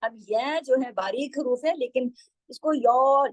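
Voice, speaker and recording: A woman teaching tajweed, explaining patiently and drawing out syllables slowly when she demonstrates. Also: high-pitched, dry recording, low-quality recording. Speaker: Quran recitation teacher.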